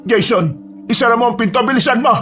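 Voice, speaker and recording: A man's voice: very high-pitched, fast, pushed and bright, soft background music, voice pushed up. A man voicing a worried older village mother who acts as midwife, with a commanding, urgent manner, in a horror story.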